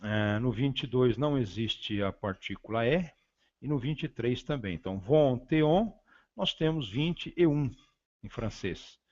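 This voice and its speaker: A man's voice: mid-range voice, expressive, measured pace, darkish tone, lo-fi sound. A Brazilian man teaching beginners, reading each French word aloud and then giving its Portuguese meaning. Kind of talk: slow vocabulary lesson.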